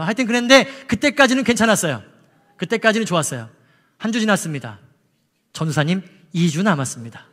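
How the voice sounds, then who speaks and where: A man's voice: sits high, long reverb tail. A male pastor preaching a sermon in church, telling a story and acting out the people in it with feeling. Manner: storytelling, acts out quoted voices, lively and emotional. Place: church sanctuary.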